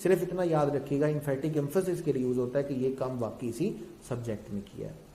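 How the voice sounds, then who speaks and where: Male lecturer, mellow tone, patient question-and-answer teaching, roomy echo. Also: medium pitch, brisk, a little hiss or hum. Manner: explains in a mix of Urdu-Hindi and English terms, asks and answers his own questions; addresses students as children. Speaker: English grammar teacher. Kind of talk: recorded classroom lecture.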